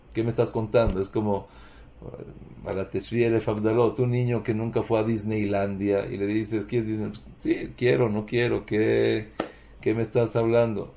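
A man's voice: lowish voice, mellow. A man giving a Torah lecture in Spanish, posing rhetorical questions and leaning hard on emotional emphasis. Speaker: Torah teacher.

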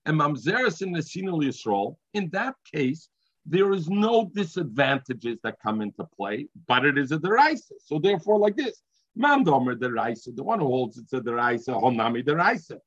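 Man, Yiddish accent, higher-pitched voice, husky edge, Talmud teacher, informal lesson, repetitive question-and-answer delivery. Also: big pitch swings, moderate pace, a bit bright, no echo, lo-fi sound.

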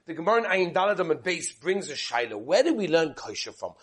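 A man with teaching a religious class as a rabbi, telling stories with rhetorical questions and repeated phrases, in a husky voice. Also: on the high side, sing-song, fast talker. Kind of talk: lively religious lesson with storytelling.

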